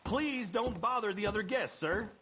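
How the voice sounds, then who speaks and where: Man as high-voiced, polite hotel clerk. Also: moderate pace, background noise, lightly acted. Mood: polite, wary. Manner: deferential. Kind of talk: video game voice acting.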